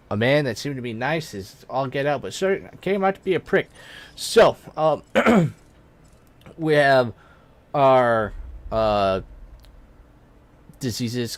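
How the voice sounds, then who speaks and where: A young man chats his way through a game in a loose, offhand voice that sits a little low, leaning on fillers and correcting himself as he goes. Every so often he jumps up with sudden excitement at what is on screen. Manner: rambling and offhand, with many fillers and self-corrections. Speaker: gaming YouTuber. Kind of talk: casual let's play commentary.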